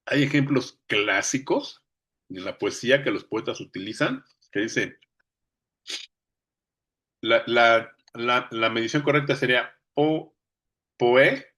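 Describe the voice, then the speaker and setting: A man with a Mexican accent gives a relaxed, informal lecture in a mid-range voice. He talks conversationally and keeps checking in to make sure his listeners are following along. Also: medium pitch, measured pace, pauses often. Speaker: speaker on poetry.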